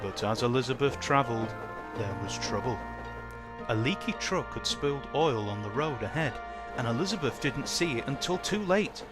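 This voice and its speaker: A man narrating a children's storybook in a plain, steady way. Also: mid-range voice, normal speed, over music.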